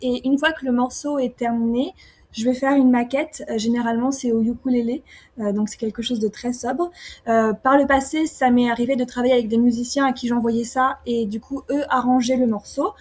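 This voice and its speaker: A young woman from France answering interview questions casually, often pausing with fillers and restarting her sentences. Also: on the high side, fairly even intonation, a little mellow. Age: young adult. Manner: hesitant, many fillers and restarts. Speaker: singer-songwriter guest.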